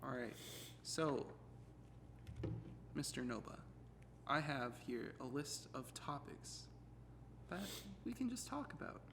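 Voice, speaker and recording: A man's voice: mid-range voice, big pitch swings, slow, pauses often, noisy background. A young man co-hosting a casual podcast with a playful, jokey manner, picked up by a shared mic in a room. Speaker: podcast co-host. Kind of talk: casual joking podcast chat. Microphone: one shared mic on a table.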